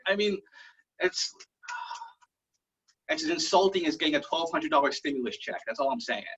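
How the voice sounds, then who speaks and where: A man doing a halting, rambling stand-up set over a video call, full of fillers. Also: fairly high pitch, expressive, a bit bright, highs cut off, slight background noise. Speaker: stand-up comedian.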